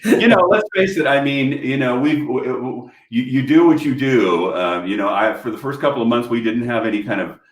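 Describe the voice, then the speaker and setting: A man with a medium-pitched voice talks at a moderate pace, with a faint hiss or hum on the line. He's joining a casual panel chat from home over a video call, rambling with plenty of fillers and restarts. The room sounds echoey.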